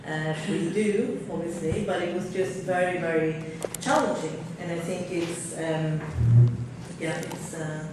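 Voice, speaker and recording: Speaking at a measured pace in a fairly even, low-leaning voice, a woman from Norway shares candid, filler-laden thoughts on a seminar panel. A distant table microphone captures her in a big hotel conference room, and the audio is noisy with heavy echo.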